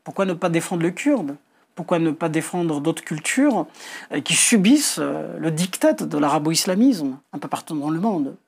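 A middle-aged Algerian author who speaks Kabyle lays out his views during a television interview in an indoor studio. He sounds animated, with a fairly high, creaky voice and a breathy edge, speaking at normal speed. He hesitates and repeats words while emphasizing key points.

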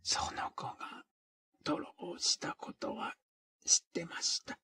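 A man voicing a bedridden, dying woman who speaks slowly and listlessly in a dry, rasping half-whisper. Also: bright, forceful tone, dry recording. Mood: weary pleading. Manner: slow, listless, pleading.

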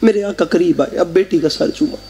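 A man with a Punjabi accent delivering a mourning sermon at a live gathering, full of fervent emotion. His voice sits notably high for a man, and he leans into each line with pleading intensity. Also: moderate pace, mellow. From Pakistan. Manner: emotional, repeatedly swearing by God, mixing Urdu and Punjabi. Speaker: zakir reciting at a mourning majlis. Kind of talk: impassioned mourning sermon recitation.

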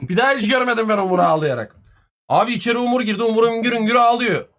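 A man, telling a story casually on a live stream, animated and full of swearing and reported speech. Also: extremely high pitch, racing. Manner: profane, animated retelling with much reported speech.

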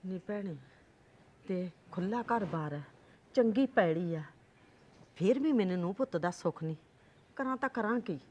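A woman's voice: expressive, normal speed, pauses often, a little mellow, slight background noise, natural voice. An actress with a Punjabi accent playing an older mother who complains about her son's girlfriend in an exasperated way. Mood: complaining. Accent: Punjabi (Malwa). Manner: complaining, exasperated, rising pitch. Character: grumbling older mother of a son, fed up with his girlfriend. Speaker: actor in a short film.

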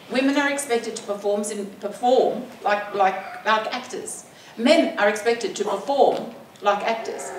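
A woman in her fifties with an Australian accent, giving an impassioned speech at a rally with a loud, booming voice and many rhetorical questions, speaking into a stand microphone at a lectern indoors. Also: a little hiss or hum, low-quality recording. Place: indoor venue with brick wall.

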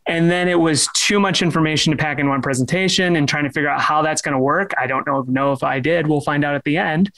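A young man giving a casual online presentation, halting, with many fillers and restarts, and joking about himself. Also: on the high side, a bit bright. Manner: self-deprecating humor.

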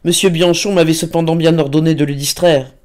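A man's voice: a little high, steady tone, fairly quick, a little mellow, natural voice. A man reading aloud and voicing a puzzled old male servant in a storybook.

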